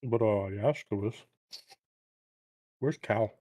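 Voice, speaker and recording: A man's voice: on the low side, slow pace, lo-fi sound. A man chatting casually with friends during an online tabletop game, rambling and hesitating as he explains things.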